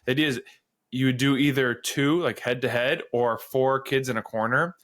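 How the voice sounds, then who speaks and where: A man co-hosting a podcast in casual chat. He is animated, laughs easily and acts out the lines of people in his stories. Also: medium pitch, normal speed. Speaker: podcast co-host.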